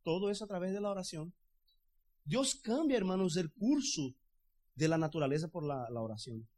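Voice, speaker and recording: Male preacher, high voice, fervent and chatty, keeps checking in with the congregation. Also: expressive, normal speed, a little mellow. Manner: fervent, loose and conversational, often asks "¿verdad?". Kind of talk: sermon. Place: church in the United States.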